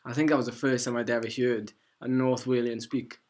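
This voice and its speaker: A man's voice: medium pitch, level tone, fairly quick, a little mellow. Dry-humoured man on a video call. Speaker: guest. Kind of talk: casual chat.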